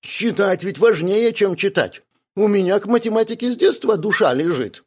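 Guy putting on a high shouty brawler dude, touchy and bragging, voice leaping all over. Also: expressive, normal speed, slightly rough. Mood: boastful. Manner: shouty, boastful, hot-tempered. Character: brash loud male brawler buddy, touchy.

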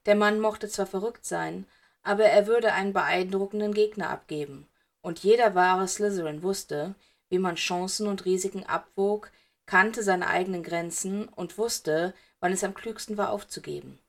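A woman reads fan fiction aloud in a steady, even storytelling voice. Her pitch sits in an ordinary middle range for a woman, and she keeps a calm, continuous narration between the characters' lines. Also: moderate pace. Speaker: audiobook reader.

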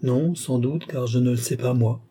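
A man's voice: mid-range voice, moderate pace, dark tone, slightly rough, close to an everyday voice. A man reading an audiobook, voicing a timid, flustered duke who serves as royal tutor and answers deferentially. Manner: hesitant, deferential, anxious.

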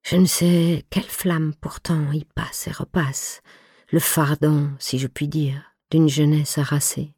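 Narratrice de livre audio, femme, lecture posée à la première personne, son mat de studio. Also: female voice, low-pitched, little pitch movement, slow, dark tone, slightly rough, dry recording. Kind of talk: scripted literary narration.

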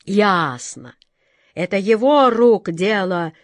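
Woman doing a hoarse little pirate runt. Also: mid-range voice, expressive, slow, dry recording. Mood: alarmed. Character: small scared male pirate, gruff and hoarse.

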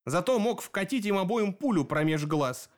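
A man's voice: high-pitched, expressive, normal speed, pitched above the performer's own voice. A man voicing Sep, a sarcastic, harsh male demon investigator with a mocking manner. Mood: stern.

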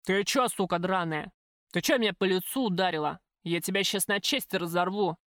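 Woman reads a brutal drunk male thug, rough and jeering, slightly lower pitch, dry sound. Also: fairly quick, fairly bright tone, no room sound, close to an everyday voice. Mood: menacing. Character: drunk brutish male thug, crude and menacing.

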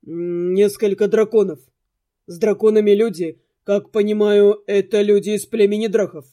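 A woman reading an audiobook voices a worried former mentor, a grave, hesitant man, in a lowered voice. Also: steady tone, moderate pace, mellow, natural voice.

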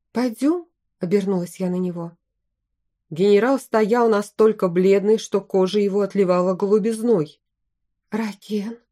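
A woman narrating a first-person fantasy audiobook in an even storytelling manner. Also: mid-range voice.

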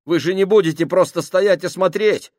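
A man voicing a terrified, panicking male sailor who shouts frantically in a high strained voice. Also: sing-song, a little slow, dry recording, clean studio sound, full character voice. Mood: panicked.

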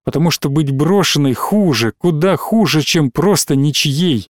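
Man, audiobook narrator, steady dramatic reading, fairly high voice, dry sound. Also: moderate pace, no room sound.

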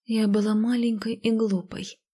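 A woman voicing a listless, melancholy fifteen-year-old village girl who speaks flatly and half in a whisper, in a storybook reading. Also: fairly high pitch, normal speed, slightly rough. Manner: flat, emotionless, half-whispered.

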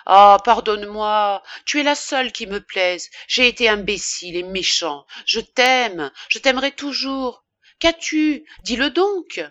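A woman's voice: fairly high pitch, expressive, measured pace, a bit bright, no room sound, muffled recording, voice pushed up. A woman voicing a charming noble former lover in an audiobook, with a dry close sound. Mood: effusive.

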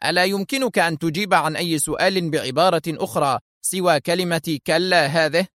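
A man's voice: fairly high pitch, lively intonation, normal speed, a bit bright, no echo, voice pushed up. A narrator puts on a scheming office manager, raised a little above his plain voice and courteous on the surface with a sneer underneath. It is read close and dry, like an audiobook character. The menace sits behind good manners. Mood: irritated. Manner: smooth and courteous, then sneering.

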